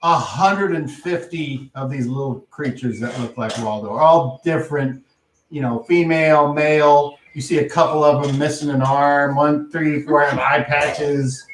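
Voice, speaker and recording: A man with a slightly high voice casually narrates a tabletop game as game master. He is recorded away from the mic in an echoey room. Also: a little slow, distant mic, slight background noise.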